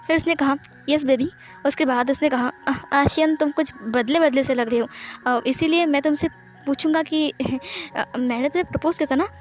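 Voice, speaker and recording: A woman's voice: high-pitched, moderate pace, faint music behind. A woman casually narrating a fan fiction story, voicing every character herself with fillers and restarts.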